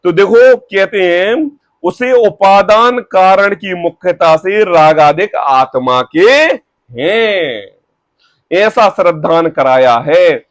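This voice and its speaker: A man teaching scripture in a religious discourse, reading passages slowly and explaining them with rhetorical questions and everyday examples. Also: high voice, expressive, no echo. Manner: reads text slowly, then paraphrases.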